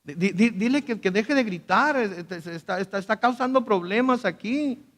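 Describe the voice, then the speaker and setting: A man's voice: sits high, moderate pace, fairly bright tone, voice pushed up. A man doing flustered, irritated followers. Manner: flustered, stammering. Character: annoyed male followers wanting a woman sent away.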